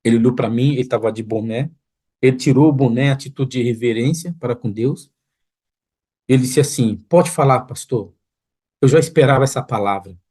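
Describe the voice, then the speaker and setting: A man's voice: medium pitch, mellow. A man preaching as a pastor, telling a story with earnest feeling that rises to pleading intensity. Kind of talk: sermon testimony. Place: online church broadcast room.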